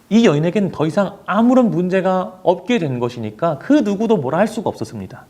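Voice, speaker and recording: A man's voice: a little high, a little mellow. A young man preaching to teenagers, telling a story dramatically and speaking the characters' inner thoughts aloud. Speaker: youth pastor. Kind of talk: sermon to teenagers.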